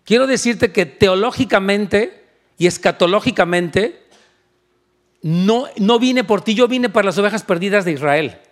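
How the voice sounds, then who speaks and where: A man voicing a calm male teacher figure who explains a refusal firmly and patiently. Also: high voice, measured pace.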